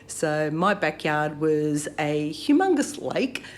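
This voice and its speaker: A woman's voice: sits low, sing-song, takes it slowly. A woman in her fifties from the Central Coast of New South Wales, a friendly, chatty guest bookkeeper in a casual interview. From Central Coast of New South Wales, Australia.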